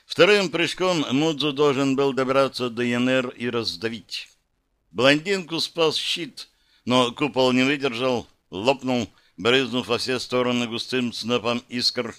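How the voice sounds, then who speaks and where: Male narrator, first-person fantasy audiobook, dramatic delivery, bright tone, crisp clear voice. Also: mid-range voice, a little slow.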